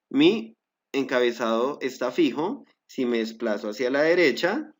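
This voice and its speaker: A man teaching a step-by-step software tutorial, guiding viewers with frequent fillers and self-corrections. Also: mid-range voice. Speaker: Excel instructor. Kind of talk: screen-recorded software tutorial.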